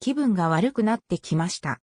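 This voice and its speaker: A woman reading short travel phrases in a crisp, even scripted delivery. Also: lowish voice, rapid-fire, no echo, studio quality. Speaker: phrase reader.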